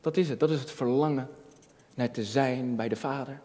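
A man's voice: medium pitch, normal speed, mellow. A man preaching a sermon as a youth pastor, talking in a loose, conversational way with many restarts and then building to emphatic peaks. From Netherlands. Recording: long hall reverb.

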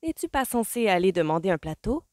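A woman reading an audiobook voices a mischievous, lively younger sister with bright, playful exclamations. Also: mid-range voice, brisk, no echo, clean studio sound, voice pushed up, lightly acted.

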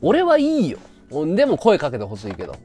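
A man live-streaming a casual chat, blunt and ranting, swinging from loud outbursts to low mutters. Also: huge pitch swings, fast, faint music behind.

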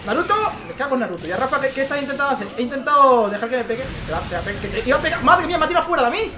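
A man with a Spain Spanish accent giving excitable let's play commentary, with frequent swearing and exclamations. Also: very high-pitched, very fast, crowd noise. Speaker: gaming channel host.

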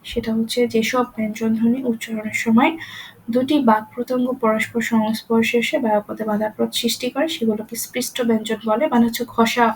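A woman's voice: fairly high pitch, level tone, fast talker, a little hiss or hum, poor audio. A woman giving a grammar lesson, explaining steadily with fillers and sounding out each example. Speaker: teacher.

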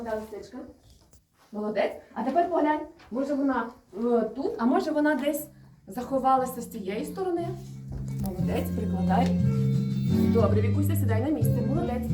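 A woman preschool teacher reading riddles, praising and guiding small children through a lesson and chanting rhymes. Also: high-pitched. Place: kindergarten classroom. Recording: roomy, far from the mic, with music behind.

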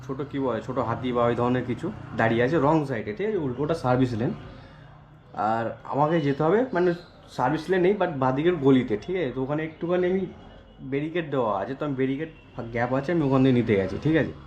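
A man, a delivery rider talking casually to his camera in a rambling way and filling his pauses with "okay". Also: medium pitch, darkish tone, lo-fi sound, slight background noise. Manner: rambling, keeps saying "okay" as a filler. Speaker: food delivery rider vlogger. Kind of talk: casual vlog talk to camera.

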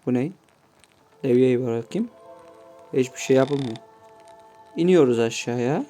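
A man's voice: medium pitch, unhurried, dark tone, faint music behind. A man giving casual gameplay commentary, swearing constantly and grumbling to his viewers in mock-offended asides. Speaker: gameplay YouTuber.

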